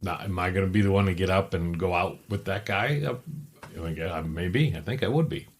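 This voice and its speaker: A man's voice: deep voice, a little fast, slightly rough. A man co-hosting a podcast, easygoing and agreeable in casual chat. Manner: easygoing, agreeable, lots of back-channel replies. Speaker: podcast co-host.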